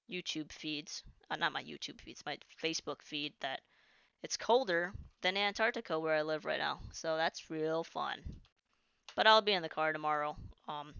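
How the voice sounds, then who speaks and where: Her voice low-pitched, clear and resonant with a touch of brightness and no room sound, a woman chats through a live game stream. She wanders and restarts sentences as fatigue creeps in, and the stream audio is dull and lo-fi.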